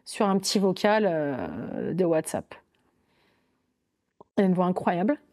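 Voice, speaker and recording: A young woman telling her own dating story as a podcast guest, in a lively, chatty way with many fillers and quoted thoughts. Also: on the low side, takes it slowly.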